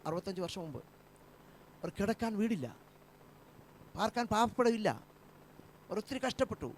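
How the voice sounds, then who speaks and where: Pastor, male; fervent repeating sermon delivery, higher voice, light hum. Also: animated, normal speed. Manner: fervent preaching with repeated phrases. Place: church.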